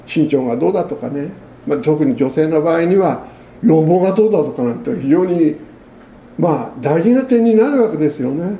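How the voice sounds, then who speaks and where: Male pastor, conversational sermon, gravelly, slightly high voice, echoey room. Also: expressive, fairly quick, warm tone, slight background noise. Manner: conversational preaching, frequent tag questions.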